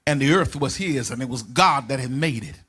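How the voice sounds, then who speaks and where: A male pastor, preaching a sermon in a church in a sing-song cadence that builds into shouted, chanted lines, repeating phrases for the congregation to answer. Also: mid-range voice, fairly quick, slightly rough. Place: church sanctuary.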